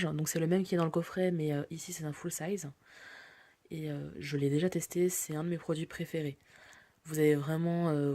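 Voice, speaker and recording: A woman's voice: lowish voice, warm tone. A woman vlogger casually walking through a haul of products and their prices, chatty with frequent fillers. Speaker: beauty vlogger.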